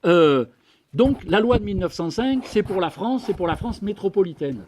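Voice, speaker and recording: Man, fairly high voice, chatty public-talk speaker, hesitant asides, reads excerpts aloud. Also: animated, moderate pace, a little mellow, a little hiss or hum. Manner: conversational lecturer with frequent asides and hesitations; reads historical documents aloud. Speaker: guest speaker at a political debate. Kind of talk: public talk to a live audience.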